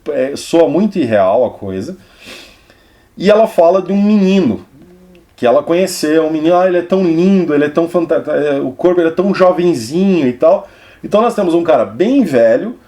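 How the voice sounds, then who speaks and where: A man casually talking about a novel to camera as a book reviewer, meandering and restarting sentences with drawn-out fillers. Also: fairly high pitch, dark tone. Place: indoor studio set with camera crew.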